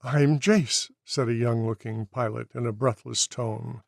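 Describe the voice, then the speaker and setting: A man reading an audiobook in a measured, even storytelling manner, close to the microphone. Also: medium pitch, gravelly, no room sound. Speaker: audiobook narrator. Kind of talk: scripted audiobook narration.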